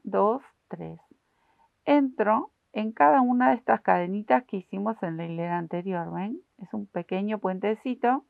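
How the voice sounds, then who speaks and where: Patient woman teaching crochet, gravelly voice. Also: mid-range voice, dry recording. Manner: patient, explains each stitch while working; uses many diminutives, addresses viewers directly. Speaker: crochet instructor. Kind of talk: step-by-step craft tutorial. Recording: dry, tinny phone-like sound.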